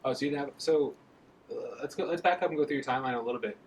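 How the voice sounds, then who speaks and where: A male host leads a relaxed sports interview in a chatty, upbeat way. His voice sits at a middle pitch, and he keeps the talk moving with quick follow-up questions. A faint low rumble hums behind him. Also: low-quality recording. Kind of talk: casual interview chat.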